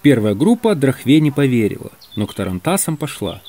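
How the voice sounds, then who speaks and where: A man reading a classic story aloud as an audiobook narrator, with an expressive, animated delivery. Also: medium pitch, a little fast.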